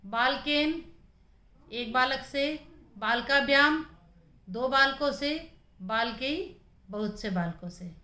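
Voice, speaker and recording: A woman's voice: high-pitched, slow, long pauses, pushed and bright. A woman teacher explaining grammar patiently and reciting word forms in a sing-song list. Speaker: Sanskrit teacher. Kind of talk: classroom lesson recital. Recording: echoey room.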